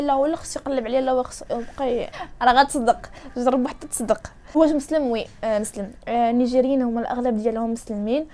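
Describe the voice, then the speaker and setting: Rapid-talking Moroccan woman vlogger. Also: a little high, a little mellow. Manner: chatty, repeats words, answers viewers' questions. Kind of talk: casual storytelling to viewers.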